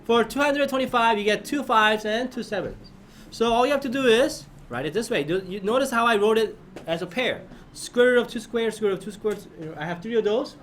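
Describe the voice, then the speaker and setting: High-pitched male teacher talking to class. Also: lively intonation, fairly quick, fairly bright tone, a little hiss or hum. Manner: questioning, prompts class for answers and checks understanding. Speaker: math teacher.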